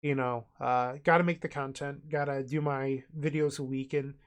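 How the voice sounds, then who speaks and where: Here a man's mid-range, steady, clean voice comes at a normal pace, though his cold leaves him congested and nasal. He thinks aloud while playing an online card game, giving relaxed move-by-move commentary.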